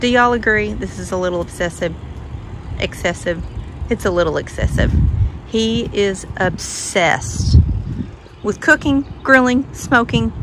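Chatty woman filming a home tour. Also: background noise. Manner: chatty, talks to her dog in a high sing-song voice. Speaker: vlogger. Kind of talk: casual home tour vlog. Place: outdoor patio then inside a house. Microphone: phone held at arm's length.

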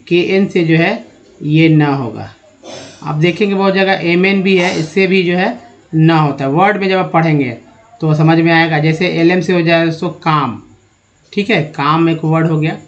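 A man teaching English pronunciation in Hindi, patiently spelling words letter by letter and calling his viewers friends. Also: fairly high pitch. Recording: dull lo-fi recording.

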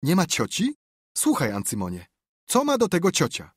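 A man voicing a stern but soft-hearted elderly aunt who scolds her nephew in an audiobook. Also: on the high side, wildly swooping pitch, moderate pace, husky, dry recording, studio quality, pitched above the performer's own voice, full character voice. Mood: scolding. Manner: scolding, suspicious.

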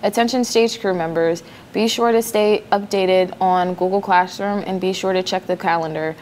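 A woman's voice: medium pitch, steady tone, moderate pace, darkish tone, a little hiss or hum. A teenage young woman with an American accent reading scripted announcements as a student news anchor. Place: indoor school studio before a curtain.

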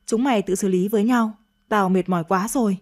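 A woman's voice: medium pitch, a little fast, a little mellow, close to an everyday voice. A woman voicing a stern, scolding old father. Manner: scolding, harsh and blunt. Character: stern angry elderly rural father.

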